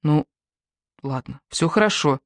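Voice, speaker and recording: A woman reading an audiobook and voicing a harried young mother who scolds briskly. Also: low-pitched, animated, no room sound. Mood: soothing. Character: harried young mother, stern yet guilty.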